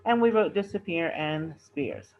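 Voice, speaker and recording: A woman's voice: on the low side, lively intonation, unhurried, narrow, tinny audio. A woman teacher giving a recorded workbook lesson to students, patiently repeating and rephrasing key terms, and reading a poem aloud with stress on the line endings.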